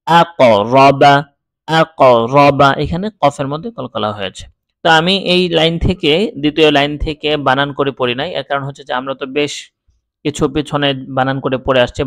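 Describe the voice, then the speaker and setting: A Bangladeshi man teaching Quran reading, slowly spelling out letters and repeating each word clearly. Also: mid-range voice, a bit bright, no echo. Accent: Bangladeshi Bengali. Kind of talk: step-by-step recitation lesson.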